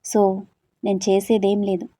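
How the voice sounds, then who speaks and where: A woman's voice: mid-range voice, flat delivery, unhurried, mellow, no room sound, natural voice. A woman voicing a naive, innocent young woman student who asks puzzled questions in an audio story. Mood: defensive. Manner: wide-eyed, puzzled questioning.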